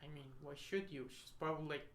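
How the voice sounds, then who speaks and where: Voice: mid-range voice, fast. Co-host in an echoey room. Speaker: podcast co-host. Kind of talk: casual film chat. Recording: echoey room with faint noise.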